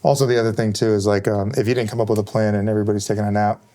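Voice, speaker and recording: A man's voice: fairly low pitch, level tone, rapid-fire, mellow. A man on a firefighter panel, chatting casually and rambling with lots of fillers. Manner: rambling, many fillers like "kinda" and "like".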